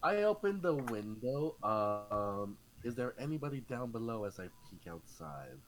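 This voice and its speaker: A man plays a tabletop role-playing game in a casual way, moving in and out of character. His average-pitched voice moves around a lot, with slight background noise. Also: sing-song, unhurried.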